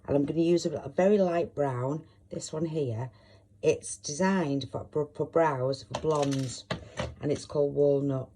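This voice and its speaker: A woman hosting a step-by-step makeup tutorial, talking in a soft, chatty way as she demonstrates, with a croaky voice. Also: low voice, measured pace, slight background noise.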